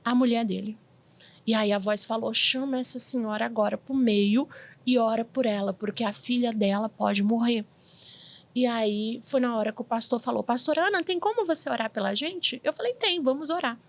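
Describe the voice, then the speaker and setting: Animated storytelling woman in her forties. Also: on the high side, moderate pace. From Brazil. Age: 40s. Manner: animated storyteller who acts out quoted voices. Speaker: medium, interview guest. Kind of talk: casual storytelling interview.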